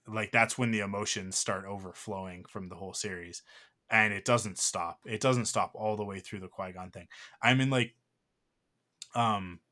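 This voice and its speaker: A man's voice: low-pitched, bright, forceful tone. Rambling, emotional male podcast host. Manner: rambling, emotional, many fillers and restarts. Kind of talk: casual podcast chat.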